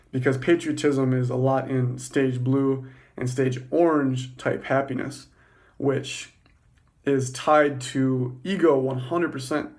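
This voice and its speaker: A man hosting a podcast, talking through philosophical ideas in an excited, fast, self-correcting monologue. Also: medium pitch. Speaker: podcast host. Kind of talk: casual spoken monologue on philosophy.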